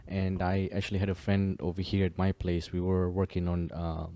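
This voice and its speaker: A man's voice: low voice, moderate pace. A man from Kenya, a DJ and producer, chatting casually and easygoingly as a podcast guest. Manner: relaxed, easygoing, many fillers.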